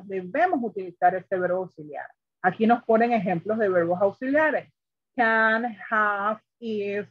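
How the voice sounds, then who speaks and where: A woman's voice: a little high, slightly rough, no echo, muffled recording. A woman teaching an English grammar lesson, switching between English and Spanish and explaining step by step. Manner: reads English examples aloud, then explains in Spanish.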